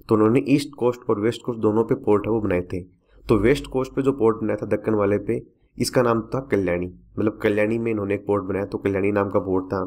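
A man's voice: fairly low pitch, darkish tone. A man teaching a current affairs lesson for exam students, repeating key facts to remember.

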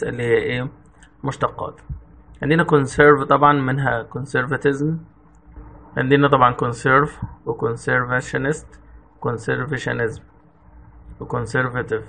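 A male English teacher speaks in an Egyptian Arabic accent, working through vocabulary methodically. His voice is gravelly and bright. His pitch barely moves from word to word. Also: a little hiss or hum, low-quality recording. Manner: reads each English word then gives its Arabic meaning, steady and methodical. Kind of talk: vocabulary lesson reading word lists.

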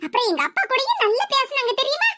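A woman doing a giggly squeaky young cartoon wife. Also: sing-song, quick pace, background noise. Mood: giddy happy. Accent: Kanyakumari Tamil. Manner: giggly, sing-song. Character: bubbly playful young wife, teasing and giddy. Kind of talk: animated cartoon voice acting.

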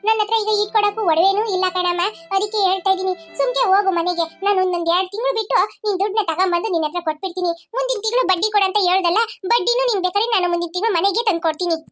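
A woman's voice: very high voice, rapid-fire, hardly any pauses. A woman voicing an anxious mother in a cartoon, pleading and soothing her upset family, with music behind. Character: anxious middle-aged mother pleading for calm. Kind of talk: cartoon voice acting. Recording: cartoon dialogue over music.

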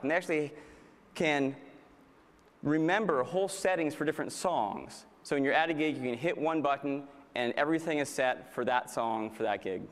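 A man's voice: mid-range voice, fairly bright tone. A man presenting on stage at a product keynote, with a polished, upbeat delivery, speaking into a headset mic. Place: large conference hall stage. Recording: large hall reverb.

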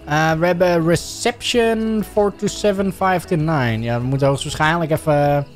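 A man's voice: on the high side, normal speed, soft background music. A young Dutch man streaming a game live, chatting casually and reading on-screen text aloud with jokey asides. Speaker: gaming streamer. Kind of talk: live let's play commentary.

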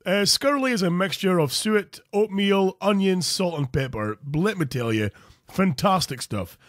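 A Scottish man hosts a crude comedy cooking show, narrating recipes and cracking jokes in an animated way. His voice is high and unhurried, recorded with studio quality and no room sound.

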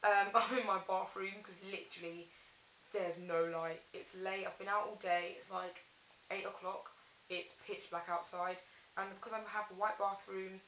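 Young woman vlogger, bright, chatty, self-correcting, recorded in an echoey bathroom. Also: medium pitch, flat delivery, normal speed. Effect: echoey bathroom sound. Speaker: beauty vlogger. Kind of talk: casual haul vlog. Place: small tiled bathroom at night. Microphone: camera in front, facing her. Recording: echoey bathroom with faint hiss.

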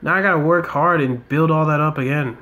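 Playing a mobile football game indoors, this young man from the US talks fairly quickly in a slightly high voice, keeping his commentary relaxed apart from muttered asides and the odd rant.

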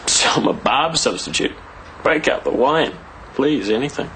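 Wry young Kiwi neighbour, medium pitch. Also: male voice, expressive, moderate pace, fairly bright tone, slight background noise, low-quality recording. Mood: sardonic, probing. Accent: New Zealand. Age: young adult. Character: wry, teasing young man next door. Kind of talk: naturalistic TV soap acting. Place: indoors, small flat.

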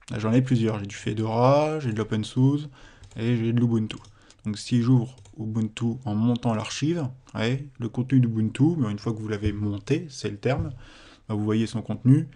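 French man with a dark voice teaching. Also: on the low side. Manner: explanatory, with hesitations and self-corrections. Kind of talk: screen-recorded tutorial.

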